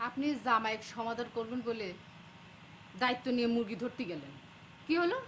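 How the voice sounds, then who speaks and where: A woman's voice: on the high side, a little fast, a bit bright, a little hiss or hum, lightly acted, rough recording. An actress playing a middle-aged mother-in-law in a comic TV drama, needling and scolding her husband. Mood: reproachful.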